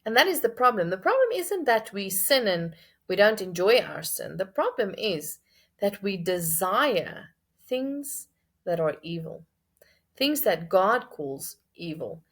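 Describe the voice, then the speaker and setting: A woman's voice: mid-range voice, very animated, measured pace, a bit bright. A woman giving a reflective spoken book review with scripture commentary, earnest and thinking aloud with hesitant restarts.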